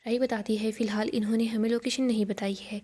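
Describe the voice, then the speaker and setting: A woman's voice: a little high, flat delivery, fast, warm tone, slightly rough. A woman narrating a recap of a television serial in plain storytelling, reading every part herself.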